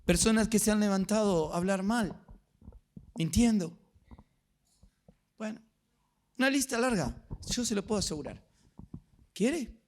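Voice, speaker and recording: A man's voice: sits high, lively intonation, unhurried, pauses often. A middle-aged man with an Argentine accent preaching a sermon, telling stories and asking rhetorical questions. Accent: Rioplatense Spanish. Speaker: pastor.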